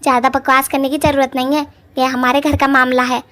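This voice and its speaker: A woman voicing a hostile, contemptuous sister-in-law in a cartoon, who shouts and threatens. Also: high-pitched, expressive, normal speed, no room sound.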